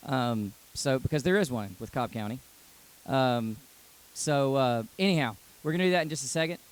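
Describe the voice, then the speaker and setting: A man, working as a youth pastor, addressing a youth group live. He is loud and energetic at first, then earnest and lower. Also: moderate pace.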